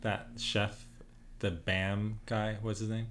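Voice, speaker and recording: A man's voice: flat delivery, slow pace, fairly bright tone. Terse, dry-voiced man co-host. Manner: terse, dry, low-key replies. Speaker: podcast co-host. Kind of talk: casual chat.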